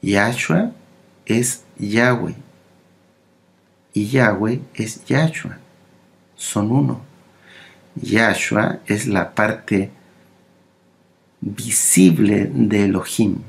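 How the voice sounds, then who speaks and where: A man preaching a sermon, speaking slowly and haltingly, with many fillers and repeated words. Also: on the low side, creaky.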